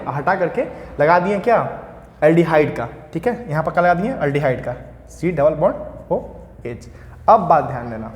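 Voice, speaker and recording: A man's voice: high-pitched, darkish tone. A man teaching a class 10 chemistry lesson, asking questions and answering them himself and counting atoms aloud as he draws. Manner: asks and answers his own questions. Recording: roomy echo, faint background noise.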